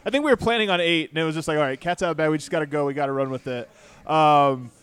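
A man's voice: a little high, very fast, fairly bright tone, smooth. A man hosting a casual sports podcast, with an upbeat, announcer-like way of introducing things. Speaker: podcast host. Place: bar under construction.

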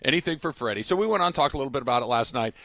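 A man's voice: medium pitch, expressive, rapid-fire, vocal fry, fairly bright tone, dry recording. A man hosting sports radio, switching between casual, teasing chat and radio contest promo reads.

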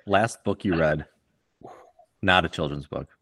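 Male co-host, very low pitch, dry close sound, brief and laid-back. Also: a little slow, creaky, a bit bright, no room sound. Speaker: podcast co-host. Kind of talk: casual interview chat.

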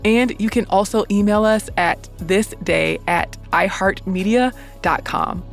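A woman hosting a podcast reads scripted history in a measured, deliberate way, sounding muffled as if recorded in a closet. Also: mid-range voice, creaky. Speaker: podcast host. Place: small home closet. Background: music.

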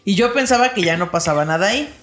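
A man's voice: sits high, animated, quick pace, a loud crowd. Man, podcast host, joking banter, reads a letter aloud, roomy studio echo. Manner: joking, laughs often. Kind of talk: comedic podcast banter, reading a listener letter.

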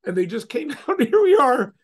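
A middle-aged man from California telling a personal story in casual talk, animated and acting out the voices of others. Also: very high-pitched, fairly quick, slightly rough. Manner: animated, acts out quoted voices.

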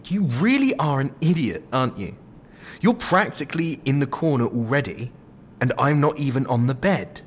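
A man voicing a sarcastic British captive, lively sing-song delivery, drawling, faint rumble behind, audio drama. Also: normal speed, lightly acted.

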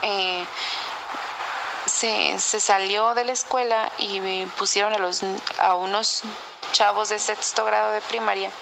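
A woman with a Mexican accent telling a personal story in a relaxed, chatty way, with lots of fillers. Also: medium pitch, measured pace, vocal fry, noisy background. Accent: Mexican Spanish. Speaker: podcast co-host telling a story. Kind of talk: casual storytelling.

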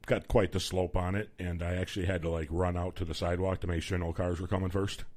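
Booming, very low-voiced American radio host, male. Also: level tone, quick pace, a little mellow. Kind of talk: casual live radio chat. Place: small local radio studio. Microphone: studio broadcast microphone.

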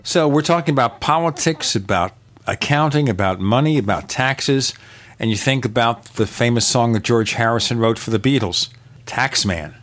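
A man's voice: mid-range voice, normal speed, fairly bright tone, faint music behind. A man hosting a podcast, chatting casually and asking his guest questions. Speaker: podcast host. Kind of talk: casual interview chat.

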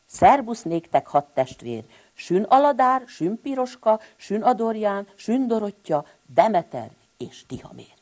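Woman doing a grumbling little hedgehog boy, storybook figure, loud exclamations, husky tone, lively swings. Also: medium pitch, pitched above the performer's own voice. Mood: exasperated.

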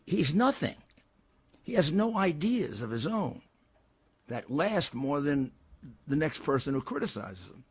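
A man's voice: mid-range voice, breathy edge, dry recording. An older man hosting a political talk show, giving a blunt, combative commentary monologue with frequent stammered restarts.

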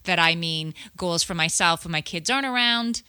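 A woman's voice: on the low side, moderate pace, pushed and bright, clear, resonant tone, no room sound, clean studio sound. A woman chatting casually as a podcast co-host. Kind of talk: casual chat.

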